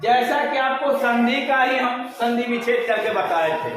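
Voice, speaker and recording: A man teaching a Hindi grammar lesson at a board, slowly, asking the class questions and answering them himself. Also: very high voice. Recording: very echoey room with clear background noise.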